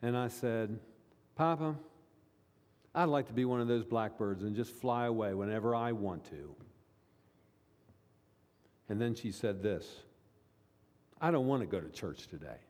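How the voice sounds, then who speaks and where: A man's voice: fairly low pitch, a little slow, long pauses, darkish tone, big-room sound, lightly acted. A preacher voicing a wistful old woman. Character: elderly woman in a nursing home, wistful.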